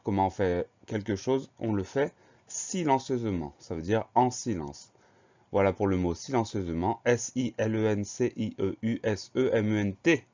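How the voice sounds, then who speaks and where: Patient low-voiced man teaching spelling. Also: mellow, highs cut off. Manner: spells words letter by letter, explains patiently. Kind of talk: spelling lesson for children.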